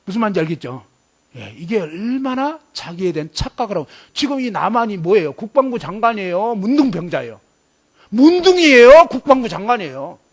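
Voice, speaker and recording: High-voiced man preaching emphatically. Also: big pitch swings, brisk, breathy edge. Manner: emphatic, fires rhetorical questions at listeners; acts out scenes vividly. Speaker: preacher at a student camp. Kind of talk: sermon.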